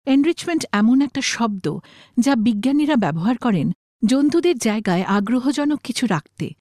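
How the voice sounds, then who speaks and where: A woman's voice: on the high side, lively intonation, normal speed, warm tone, dry recording, studio quality. A woman reading an explanatory script as a narrator.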